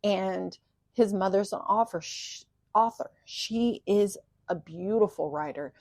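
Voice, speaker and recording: A woman telling a personal story in a casual, chatty monologue, animated and self-teasing. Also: mid-range voice, a little slow, dry recording, studio quality.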